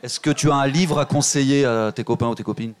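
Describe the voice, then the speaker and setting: Lively man hosting a live reading. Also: medium pitch, fast. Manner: lively, encouraging, addresses the audience directly. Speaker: host of a public reading event.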